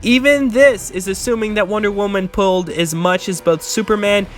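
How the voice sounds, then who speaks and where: A man with a high-set voice reads a scripted rebuttal. He sounds argumentative and matter-of-fact as he corrects claims, with some music underneath. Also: normal speed. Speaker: video essayist and commentator.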